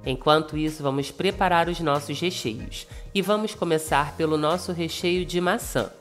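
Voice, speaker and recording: A woman's voice: low voice, normal speed. Thin, reedy Brazilian woman with flu-cracked voice. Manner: polite, instructional address to viewers. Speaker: cooking channel host. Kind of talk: scripted recipe narration. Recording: music behind the voice. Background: music.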